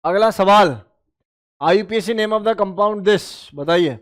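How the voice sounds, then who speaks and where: A man teaching chemistry exam prep to students, who calls them beta and bhai, counts positions out loud in a drilling rhythm and answers his own questions. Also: high-pitched, slow pace.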